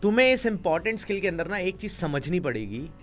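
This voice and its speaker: A man's voice: high voice, sing-song, fast talker, faint music behind. Conversational man explaining casually. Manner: conversational, mixes Hindi with English phrases. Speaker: business YouTuber.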